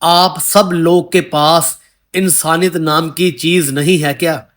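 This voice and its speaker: A bereaved mother wailing at the neighbours for their silence, read by a man narrating a storybook. Her lament is delivered slowly and evenly in a slightly raised voice. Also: on the high side, fairly even intonation, fairly bright tone. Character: grieving mother of a murdered daughter, wailing.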